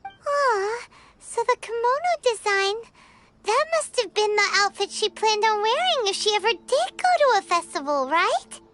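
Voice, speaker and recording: A woman voicing a tiny, excitable, childlike fairy companion in a video game, with a squeaky, perky delivery. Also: a little slow, background noise, heavily acted. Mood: curious, reassuring. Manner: perky, refers to self in third person. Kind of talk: video game character acting.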